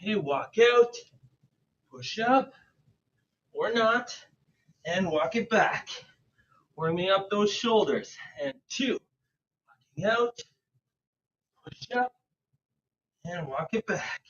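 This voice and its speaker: A man with a high voice leads an exercise class in the manner of an aerobics instructor. He counts reps and gives short, encouraging cues at a very unhurried pace while working out himself. The sound is distant from the microphone. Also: lively intonation, a bit bright, highs cut off. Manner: switches between English and French. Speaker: fitness coach leading a bodyweight warm-up class. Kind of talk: live online workout instruction. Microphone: away from the mouth, at a distance.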